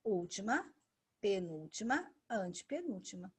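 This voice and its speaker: A woman teacher giving a patient grammar lesson, saying example words slowly and twice. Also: medium pitch, big pitch swings, husky. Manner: patient, says each example word twice.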